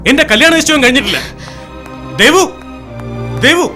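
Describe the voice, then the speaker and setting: A man's voice: very high-pitched, expressive, moderate pace, music in the background. An actor dubbing a young man who defends himself against false accusations in a pleading voice. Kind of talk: dubbed film acting.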